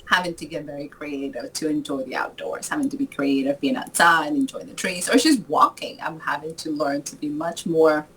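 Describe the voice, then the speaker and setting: A woman in her forties from the Dominican Republic, a lively author guest chatting on a video call and often laughing as she tells stories. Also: deep voice, normal speed, hardly any pauses, a little hiss or hum, poor audio. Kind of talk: casual interview chat.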